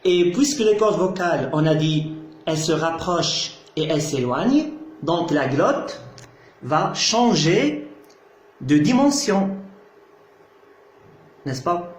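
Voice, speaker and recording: A man's voice: a little high, lively intonation, slow pace, pauses often. A man giving a patient lecture, repeating key terms and checking that students follow. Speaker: teacher. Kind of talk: slow explanatory lecture. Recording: echoey room.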